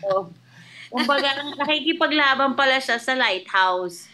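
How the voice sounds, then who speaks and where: A woman's voice: high-pitched, animated, measured pace, pushed and bright. A woman pastor with a Filipino accent giving a conversational sermon, often checking in with her listeners. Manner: conversational, mixing English and Tagalog, checks in with "okay?".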